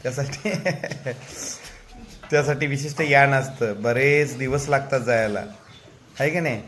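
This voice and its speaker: Gently teasing man interviewing a child. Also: mid-range voice, noisy background. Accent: Marathi. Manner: gently teasing, coaxing questions. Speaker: teacher interviewing a pupil.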